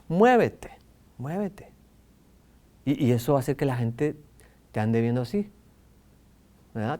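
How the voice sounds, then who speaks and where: Mexican guy teaching how to preach, kinda high voice, super animated, acts stuff out and keeps changing his tone. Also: clean tone. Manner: animated, acts out examples with shifting tone and pace. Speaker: preaching instructor. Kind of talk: lively homiletics lesson.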